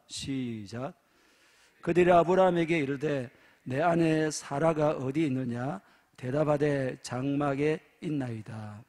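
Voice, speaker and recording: A middle-aged male pastor with a Gyeongsang accent preaching a sermon, humorous and emphatic. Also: fairly high pitch. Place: church sanctuary.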